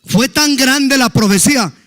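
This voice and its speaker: High-voiced preaching pastor. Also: male voice, measured pace, fairly bright tone. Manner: preaching with emphatic exclamations. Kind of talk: sermon.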